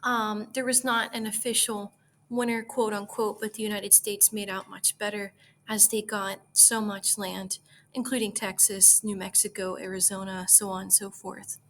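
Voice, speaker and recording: A woman's voice: mid-range voice, flat delivery, moderate pace, fairly bright tone, slight background noise. A young woman student giving an informative class presentation outdoors, with frequent ums. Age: young adult.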